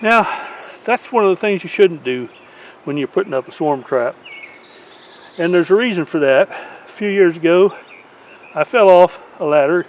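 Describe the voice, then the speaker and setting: A man's voice: high voice, animated, normal speed, slight background noise. A man in his eighties, a beekeeper, chatting in a rambling, folksy way through an outdoor how-to video. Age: 80s. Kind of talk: casual how-to vlog. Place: outdoors in a rural yard. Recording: slightly dull lo-fi sound.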